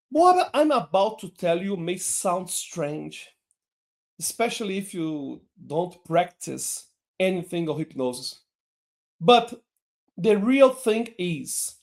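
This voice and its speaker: A Portuguese-speaking man teaches hypnosis in an online lesson. He speaks slowly and deliberately, with lively swings in pitch.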